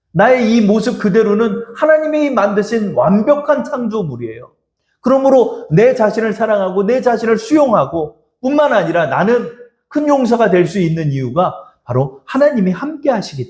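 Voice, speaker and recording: A man's voice: sits high, a little mellow. Exhorting male pastor in an echoey church. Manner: exhorting, speaks directly to listeners as God. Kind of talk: sermon. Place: church sanctuary.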